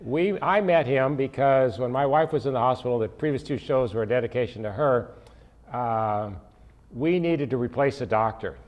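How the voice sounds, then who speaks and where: A man's voice: medium pitch, normal speed, a little mellow. An older man hosting a podcast interview, chatty and rambling as he asks questions. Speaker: podcast host. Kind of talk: interview conversation.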